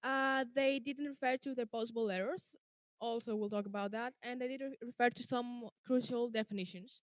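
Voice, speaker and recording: Young woman from Greece, methodical critic on a video call, fairly high voice, dry sound. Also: fairly even intonation, moderate pace, clear, resonant tone, dry recording. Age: young adult. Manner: structured, methodical listing of points. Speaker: opponent in a student science tournament.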